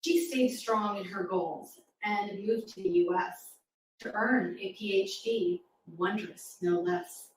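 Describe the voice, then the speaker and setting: Speaking slowly at medium pitch, a woman reads rhymes aloud to young children during a live reading event, drawing them in with encouragement. The room is roomy and echoey, recorded from a distance with faint noise.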